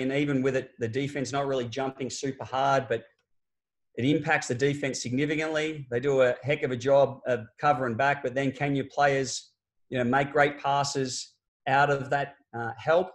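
The speaker is an Australian man presenting a basketball clinic online, coaching over game video on a video call. His medium-pitched voice keeps a steady tone at normal speed, conversational and explanatory with frequent fillers and restarts. He's picked up by a laptop webcam in a small home office.

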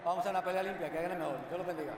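A man refereeing boxing, giving quick pre-fight instructions in the ring. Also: high-pitched, fairly even intonation. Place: boxing ring in a large stadium. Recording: very echoey, distant, noisy arena sound.

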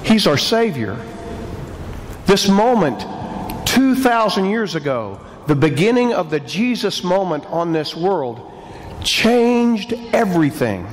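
A man speaking as a priest at a church service, solemn and deliberate, phrase by phrase, with a cathedral echo around his voice. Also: high voice, very animated. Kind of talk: liturgical gospel reading and homily preaching. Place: large church with echoing acoustics. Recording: cathedral-like echo, long reverb, background noise.

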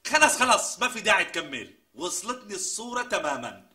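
Brief: sharp, bright-voiced sidekick, quick and lively. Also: male voice, high-pitched, heavily acted. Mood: incredulous. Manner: exclamatory, incredulous. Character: skeptical friend, quick to exclaim. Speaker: comic sketch character. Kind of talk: TV sketch comedy acting.

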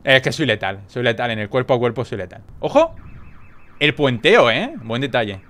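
A young man with a Spain Spanish accent giving excitable gameplay commentary, full of quick exclamations and swearing. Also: medium pitch. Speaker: gaming YouTuber.

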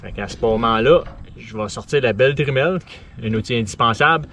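A man's voice: medium pitch, a little fast. A man in his forties with a Quebec French accent, chatting casually through a boat project with lots of fillers. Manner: relaxed, chatty, with frequent fillers and restarts. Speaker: sailing vlogger. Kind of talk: casual how-to vlog. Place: outdoors on a sailboat in a boatyard. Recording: noisy outdoor ambience.

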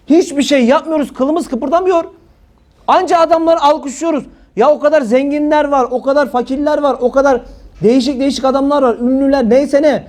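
Fervent high-voiced preacher man. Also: a little mellow. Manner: fervent, scolding, rhetorical questions. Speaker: religious preacher. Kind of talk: impassioned sermon-style talk.

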